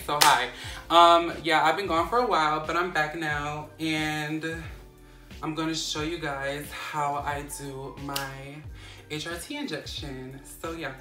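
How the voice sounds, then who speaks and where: A woman's voice: sits low, roomy sound, distant mic. A young woman vlogging a casual how-to, chatty and rambling, full of fillers and restarts. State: out of breath.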